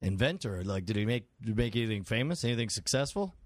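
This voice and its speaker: A man's voice: on the low side, lively intonation, fast, dry recording. A man co-hosting a comedy podcast, rambling goofily while playing detective and laughing often. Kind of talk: improvised comedy banter.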